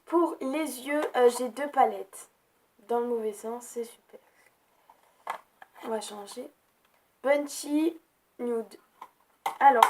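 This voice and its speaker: A woman's voice: high voice, darkish tone, slight background noise. A woman giving a casual makeup product review as a beauty vlogger, hesitant, with many fillers and jokey asides.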